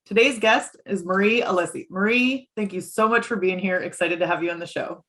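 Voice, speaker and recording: A woman's voice: mid-range voice, fairly quick, a bit bright. A woman hosting a podcast interview, upbeat and encouraging toward her guest. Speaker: podcast host. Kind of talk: casual interview.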